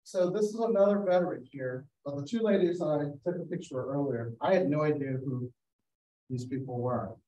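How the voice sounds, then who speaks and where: Sharing anecdotes through a slideshow on a video call, a photographer quotes people and acts out their words. He speaks at a moderate pace in a slightly high voice with a dark tone. The mic is some distance away, leaving the sound roomy.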